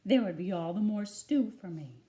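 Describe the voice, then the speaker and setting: A woman voicing a greedy, scheming male wolf in a storybook, coaxing with gleeful, drawn-out words. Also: mid-range voice, lively intonation, dark tone, natural voice. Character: hungry scheming male wolf, greedy but sweet-talking.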